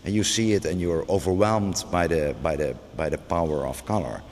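With a low-pitched, darkish voice at moderate pace, a middle-aged curator answers questions unscripted inside a large gallery, often restarting and filling gaps. Long gallery reverb and faint background noise color the sound.

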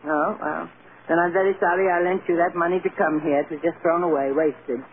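An actress plays a stern but loving old grandmother in the style of 1940s radio drama, firm and earnest. Her fairly low voice is steady and a little fast, close to how she might normally speak. The old radio recording sounds tinny and hissy.

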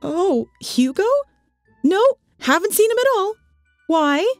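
Woman as a high-pitched, nervous cartoon Labrador. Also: very animated, slow pace, no room sound, clean studio sound, faint music behind, exaggerated voice. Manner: nervous, rambling. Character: dim, anxious, chatty Labrador dog.

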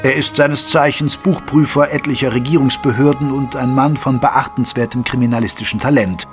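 An actor playing a gentleman doctor who narrates a German detective radio play in a measured, formal storytelling manner. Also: mid-range voice, fairly even intonation, over music, natural voice. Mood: composed, descriptive. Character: gentleman doctor recounting his detective friend's cases. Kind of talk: scripted first-person radio play narration.

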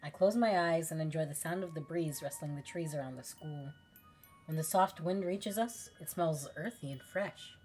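A woman streamer reading a dating game aloud, calm when she narrates and gushing, joking and excitable when she reacts. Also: low-pitched, moderate pace, soft background music.

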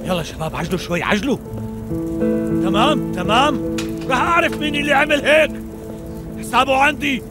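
An actor dubbing, in a Levantine Arabic accent, a frantic man taking charge at a fire scene, shouting orders and soothing in between. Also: extremely high pitch, animated, a little fast, long pauses, over loud music. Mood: urgent.

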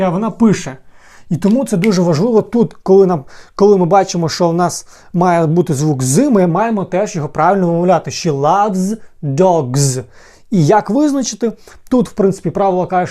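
A man, an English teacher, explaining a grammar lesson patiently, repeating example words slowly and talking to viewers as friends. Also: high voice, warm tone.

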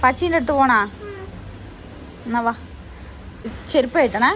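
A woman with a somewhat high voice chats casually through a home vlog, often checking in with her viewers. With her little son she slips into playful, coaxing baby talk. The phone recording carries clear background noise. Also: normal speed, bright, forceful tone. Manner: chatty, addresses viewers with frequent tag questions. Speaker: family vlogger.

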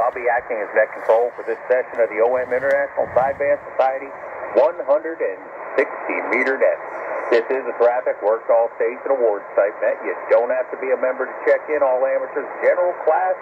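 A man is announcing an amateur radio net in a steady, formal way, spelling out call signs phonetically. His voice comes through a shortwave receiver, thin and tinny. Heavy static hisses over him. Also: medium pitch. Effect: heard over a shortwave receiver, thin and phone-like under heavy static. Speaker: radio net control operator.

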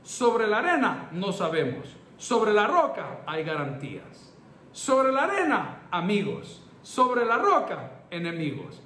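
Brief: male pastor, fifties, high-pitched and emphatic preaching, roomy echo. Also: wildly swooping pitch, takes it slowly, sharp tone. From El Salvador. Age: 50s. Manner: emphatic, rhythmic call-and-response preaching. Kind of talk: sermon. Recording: echoey room with faint noise.

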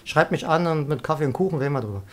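A woman live-streaming a video game, chatting excitably with viewers and often trailing off and restarting. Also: low-pitched, rapid-fire. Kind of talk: casual live-stream chat while gaming.

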